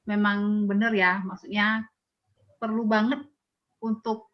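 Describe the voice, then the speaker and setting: A woman on an online panel speaks in a measured, polite manner. Her voice sits in a mid range for a woman, and she picks her words carefully. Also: mid-range voice, flat delivery, muffled recording. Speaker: panelist giving closing remarks.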